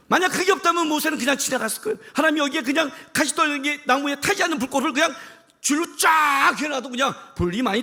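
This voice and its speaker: Preaching with passion, a very high-pitched male pastor shouts to stress his points and hurls rhetorical questions at his congregation during the sermon.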